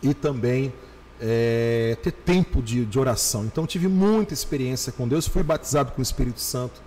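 A man's voice: medium pitch, slight background noise. Pastor guy telling his story on a podcast, repeats stuff for emphasis, room w/ long reverb. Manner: animated storyteller, slows and repeats phrases for emphasis. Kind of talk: podcast testimony.

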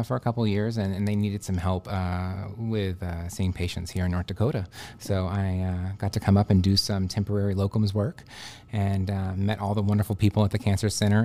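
A man's voice: low voice, dark tone. A man in his thirties from Texas, a radiation oncologist guest answering interview questions earnestly, with many fillers and restarts.

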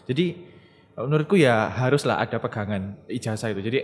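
A young man from Surabaya with a Surabaya Javanese accent, a content creator chatting casually and quickly in an interview. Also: mid-range voice, expressive. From Surabaya, East Java. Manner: quick, chatty, laughs at himself. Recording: long hall reverb.

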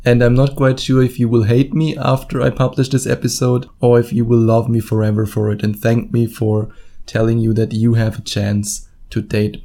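His voice sits in the middle range with a dark tone, and he has a German accent. As a dating coach hosting a solo podcast, he speaks bluntly and informally to the listener, cursing casually and acting out imagined lines.

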